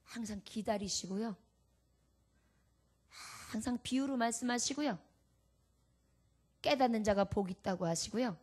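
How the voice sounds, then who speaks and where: A woman's voice: on the high side, a little slow, pauses often. Dramatic woman preacher. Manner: dramatic, swings from hushed to loud. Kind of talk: sermon.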